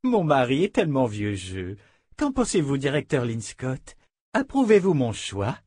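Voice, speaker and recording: A coquettish young noblewoman, as a man reading the story puts her on, lilting up high and teasing. Her lines come playful and arch, in a dry, close audiobook sound. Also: wildly swooping pitch, measured pace, darkish tone, breathy edge, no room sound, full character voice.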